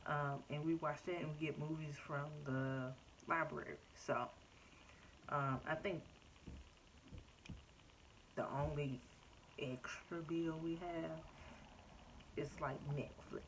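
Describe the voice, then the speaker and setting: A woman in her thirties talks to her camera at home in an unhurried, low voice. Her update is chatty and loose, full of "um" and "like". A faint hum of room ambience sits under her. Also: fairly even intonation, low-quality recording. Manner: chatty, frequent "um" and "like", addresses viewers as "y'all". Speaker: vlogger. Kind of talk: casual personal update to camera.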